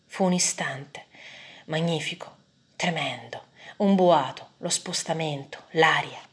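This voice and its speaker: A woman reading a first-person story aloud in a measured, dramatic way. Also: deep voice.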